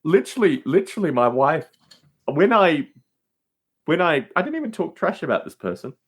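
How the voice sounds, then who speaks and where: Pitched fairly high with a sing-song lilt and a breathy edge, a middle-aged man talks at a moderate pace. He's a podcast host guesting on someone else's show, spinning rambling, emphatic stories and doubling up on words for emphasis.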